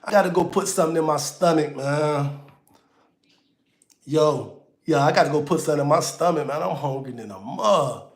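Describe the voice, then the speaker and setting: A man talks loosely to his livestream viewers in slangy, easygoing chat. His voice runs through auto-tune and is gravelly and a little high. The sound carries the ring of an echoey room. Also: moderate pace. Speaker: livestream host.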